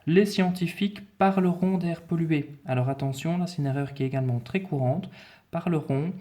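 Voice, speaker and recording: A man's voice: fairly high pitch, a little mellow. A man teaching a French spelling lesson, walking patiently and methodically through a dictation and repeating the key points.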